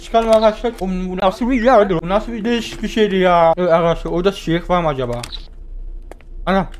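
A man commentating a horror game for his viewers, chatting to them and yelping and shouting when frightened. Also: high-pitched, fast, slight background noise. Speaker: gaming YouTuber.

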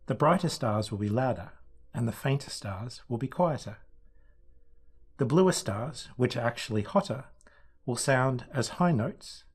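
Husky male astronomer narrating a planetarium show. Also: mid-range voice, lively intonation, a little slow. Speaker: astronomer, guest tour guide.

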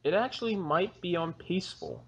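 A man's voice: sits high, moderate pace, fairly bright tone, breathy edge. A teenage boy hosting a casual game session with a friend, chatting, joking and asking viewers for likes. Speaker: gaming channel host.

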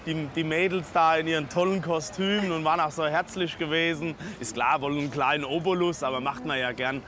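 A man's voice: a little high, steady tone, fairly quick, a crowd in the background. A middle-aged man, a cruise passenger, chatting cheerfully outdoors in a town square. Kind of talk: casual interview chat.

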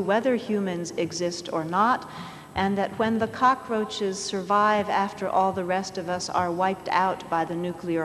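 A woman giving formal lecture remarks at a conference, measured and articulate. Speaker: conference speaker. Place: lecture hall. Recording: lecture hall with long reverb, faint rumble.

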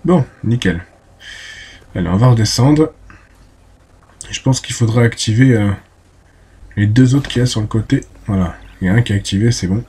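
A man's voice: fairly low pitch, normal speed, long pauses, warm tone, husky. A man giving casual let's play commentary, chatty and talking to himself, exclaiming and cursing as he fights. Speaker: gameplay commentator.

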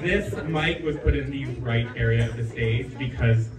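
A man's voice: mid-range voice, moderate pace. A man performing as a drag queen at a live roast, trading sassy, bitchy jokes and laughing through them. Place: nightclub stage. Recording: echoey club, far mic, loud music and crowd.

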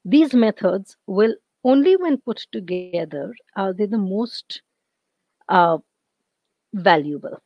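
A woman lecturer with an Indian English accent teaching over a video call, her voice going hoarse and her throat often cleared. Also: mid-range voice, lively intonation, takes it slowly, no echo, muffled recording. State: losing her voice. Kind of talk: online lecture.

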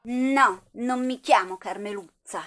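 A woman hosting a scripted comedy sketch with a somewhat high voice. She delivers her lines theatrically, full of mock indignation. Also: slow, a bit bright. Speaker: channel host.

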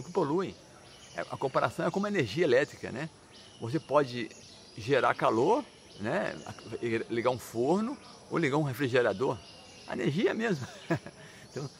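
Gravelly man telling a sacred story. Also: mid-range voice, slight background noise. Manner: chatty, laughing asides, frequent tag questions. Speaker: religious storyteller. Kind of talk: casual religious storytelling.

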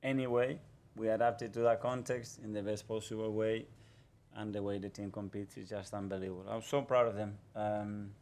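A football manager in his forties speaks into a table microphone in a press room. His low voice stays flat and even. He gives measured, guarded answers and repeats his phrases. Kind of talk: post-match press conference answers. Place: press conference room in front of a sponsor backdrop.

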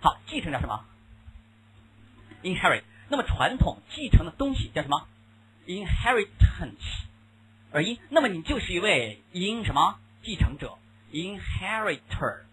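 Lively husky Chinese man lecturing. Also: high voice, moderate pace, low-quality recording. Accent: Mandarin Chinese. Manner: lively, mixes Chinese and English, keeps asking the class questions. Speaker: English teacher. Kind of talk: classroom lecture.

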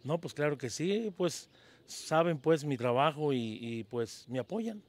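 At dawn in an outdoor town plaza, a Mexican man in his fifties, a local singer, answers questions in a casual street interview. Humble and hesitant, he often repeats words while speaking into a handheld mic held by the interviewer. His voice is a little high, expressive, and a little slow.

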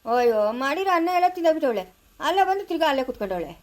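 A woman's voice: high-pitched, big pitch swings, rapid-fire. A woman with a rural Chikkaballapura Kannada accent playing a young village woman gossiping scornfully about a relative.

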